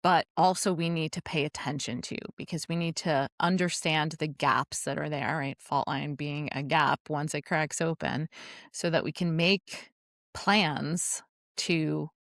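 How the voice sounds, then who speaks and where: A woman's voice: deep voice, fairly even intonation, a little slow, no echo, studio quality. A woman from New York co-hosting a business podcast, explaining ideas reflectively and checking in with her listener. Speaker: podcast co-host. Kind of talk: casual conversational podcast talk.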